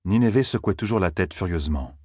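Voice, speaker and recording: A man reads a fantasy audiobook with measured, even delivery. His voice is very low and husky, recorded close and dry. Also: dry recording. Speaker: narrator. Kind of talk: audiobook narration.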